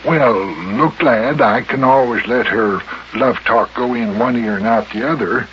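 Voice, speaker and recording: A man's voice: medium pitch, unhurried, lightly acted. A man playing a blustery, stammering, folksy older mayor in a children's radio comedy. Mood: flustered, pleading. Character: folksy, flustered older male small-town mayor. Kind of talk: old-time children's radio comedy acting. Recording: dull, noisy old radio recording.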